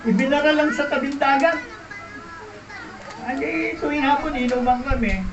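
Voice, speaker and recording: A man's voice: very high voice, moderate pace. A male pastor giving his testimony to a congregation, telling his story with drama and throwing questions at the audience. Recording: echoey hall, distant mic, dull sound, background noise.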